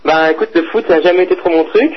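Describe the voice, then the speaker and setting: A man's voice: a little high, fast talker, slightly rough. A man in his twenties calling in to a radio show, answering in a laid-back way. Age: 20s. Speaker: caller. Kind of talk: casual phone call. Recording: mobile phone line, faint noise.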